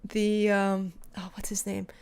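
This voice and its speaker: A woman's voice: mid-range voice, monotone, a little slow, darkish tone, clean tone. A young woman co-hosting a casual film podcast, chatty and full of fillers, acting out lines from scenes. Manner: chatty, filler-heavy, acts out scene quotes. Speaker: podcast co-host.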